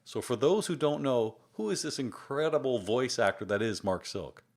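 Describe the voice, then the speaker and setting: A man's voice: mid-range voice, animated, normal speed. Enthusiastic male podcast host. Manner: enthusiastic, emphatic. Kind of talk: casual interview chat.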